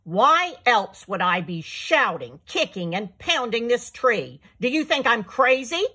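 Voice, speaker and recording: Grumpy bossy lion guy from a kids storybook, a lady putting him on, loud and snappy, breathy voice, swings up and down a lot. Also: fairly high pitch, expressive, unhurried, pitched above the performer's own voice, heavily acted. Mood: angry. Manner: snapping, shouting. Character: grumpy hungry male lion, bossy and hot-tempered.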